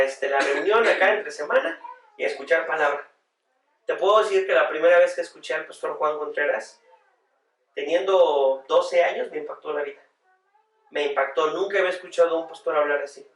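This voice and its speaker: A man who is a pastor, telling his personal story as a podcast guest in a reflective, earnest way, often pausing on filler words. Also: a little high, fairly bright tone. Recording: roomy sound, voice far from the mic.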